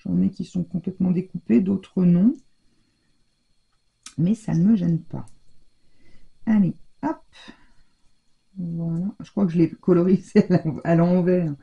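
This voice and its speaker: A woman's voice: on the low side, steady tone, measured pace, creaky, long pauses, slightly rough. An older woman chatting casually through a scrapbooking tutorial from her home craft room, thinking aloud as she works. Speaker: scrapbooking vlogger. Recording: dull lo-fi sound.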